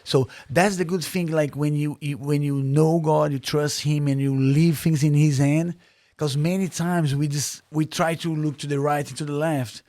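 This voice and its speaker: A Brazilian man, a native Portuguese speaker with a Brazilian accent, is a guest on a podcast in a casual interview, speaking earnestly with lots of fillers and restarts. His voice is slightly high and darkish, with fairly even intonation and a normal pace. There's no room sound in the recording.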